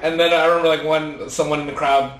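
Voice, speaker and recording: A man's voice: a little high, steady tone, fast, a bit bright, reverberant, low-quality recording. A man chatting casually on a podcast, rambling through memories with many restarts and bursts of laughter.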